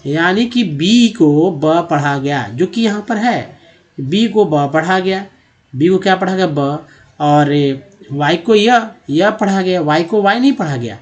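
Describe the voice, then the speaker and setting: A man's voice: high-pitched, lively intonation, slow. A man teaches a spoken English lesson. He goes through it step by step and keeps checking in with the viewer. He often repeats himself to make each point stick.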